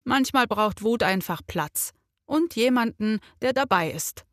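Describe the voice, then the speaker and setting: A woman voicing a calm, gentle fox father who speaks softly in a children's story. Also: fairly high pitch, measured pace, no room sound, clean studio sound. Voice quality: soft and quiet.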